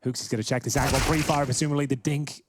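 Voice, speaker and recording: A male esports caster gives live play-by-play in a medium-pitched voice. The recording is clearly noisy, with game gunfire behind the commentary. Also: steady tone, quick pace.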